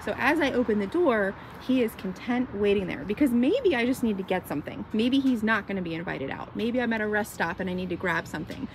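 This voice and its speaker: A woman in her thirties, a dog trainer, talking calmly and upbeat to a phone camera from a car. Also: mid-range voice, a little fast, few pauses. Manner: calm, upbeat, explanatory. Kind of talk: casual instructional vlog. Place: inside a parked car, then outdoors on a street. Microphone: phone camera held at arm's length. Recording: noisy car and street ambience.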